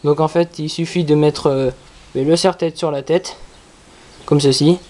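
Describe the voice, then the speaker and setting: A product reviewer talking casually through an unboxing in a halting, repetitive way. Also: medium pitch, steady tone, a little mellow. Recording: clearly noisy with handling clicks.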